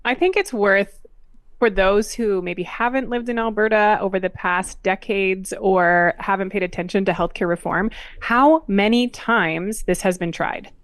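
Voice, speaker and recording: A woman co-hosts a political talk show with animated, sardonic commentary. She is recorded close and dry. Her pitch sits at a middle level. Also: a little slow, no echo. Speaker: podcast co-host.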